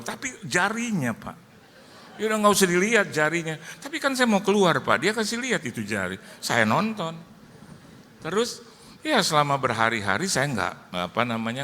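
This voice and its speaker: Pendeta pria bersuara terang di aula gereja. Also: male voice, mid-range voice, slight background noise. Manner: lively, acts out dialogue in changing voices. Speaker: pastor. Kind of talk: sermon with comic storytelling. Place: large church hall. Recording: church hall reverb, faint ambience.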